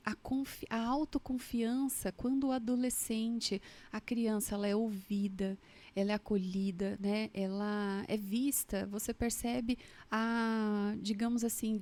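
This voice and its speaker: A Brazilian woman therapist talks in a somewhat high voice, explaining patiently and slowing on key points. The tone is relaxed conversation. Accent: Brazilian Portuguese. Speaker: guest therapist. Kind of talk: casual podcast conversation.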